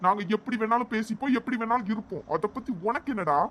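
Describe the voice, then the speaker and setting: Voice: mid-range voice, animated, fast, a bit bright, slight background noise, natural voice. Cartoon role: arrogant young bully, threatening and boastful, acted by a voice performer.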